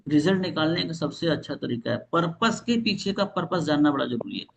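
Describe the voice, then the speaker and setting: With a fairly high, animated, husky voice, slightly fast and touched by vocal fry, a man conducts a live sales training via video call. He shows how to contact old leads through role-play, voicing both ends of the call and repeating his questions.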